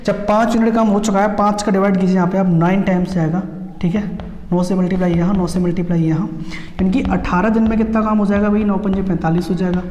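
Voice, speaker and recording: A man's voice: high voice, fairly even intonation, fast talker, darkish tone. A man teaching an exam-prep maths lesson, explaining step by step and repeating key points while checking in with his students. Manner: repetitive step-by-step explaining, frequent check-ins. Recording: echoey room with long reverb.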